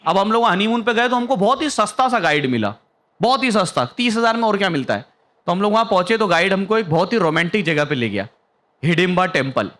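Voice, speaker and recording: A man's voice: high voice, bright, forceful tone. A young man performing a stand-up comedy set on stage, telling a story and acting out the other people in it. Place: stage before a live audience.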